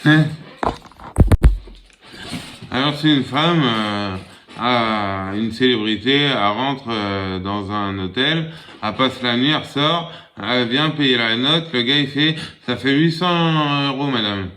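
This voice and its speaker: Man telling crude jokes casually. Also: measured pace. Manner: animated, raises pitch for quoted characters; frequent fillers, loose storytelling. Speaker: joke teller.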